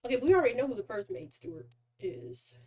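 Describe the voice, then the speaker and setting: A woman's voice: sits high, expressive, quick pace, creaky, mellow, husky. Woman musing through a livestream. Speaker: streamer. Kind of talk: casual live gameplay commentary. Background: game music.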